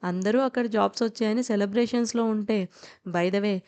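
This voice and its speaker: A woman voicing a cheerful, spirited young woman college student who talks in a lively, teasing way. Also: mid-range voice, moderate pace, smooth, natural voice.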